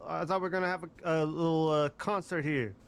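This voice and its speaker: A man's voice: fairly high pitch, steady tone, quick pace, gravelly, smooth. A man in a casual roleplay, talking in a put-on New Jersey accent, rambling and stumbling over restarts as he jokes. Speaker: roleplay player as a justice department officer.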